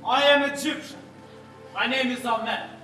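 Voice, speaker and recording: A man's voice: very high-pitched, fairly even intonation, a little slow, soft background music. A young man performing an earnest theatrical monologue on a large theater stage. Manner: earnest, declaiming, rising to shouts. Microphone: far stage mics. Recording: echoey theater from far off.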